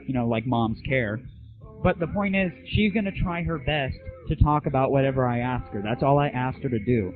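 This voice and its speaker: A crowd can be heard behind a young man hosting an internet radio show, his medium-pitched voice moving at normal speed. He chats about gaming casually, sarcastic and slangy, over tinny, roomless audio that evokes 1990s phone-like internet broadcasts.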